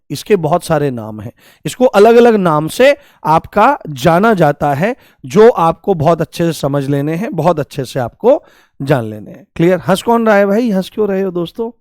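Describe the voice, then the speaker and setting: Male teacher, high voice, repetitive quizzing, drills pronunciation, dry close recording. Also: darkish tone, no echo. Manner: repeats key points and quizzes students with questions; addresses students affectionately and drills pronunciation aloud. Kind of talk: live online exam-prep class.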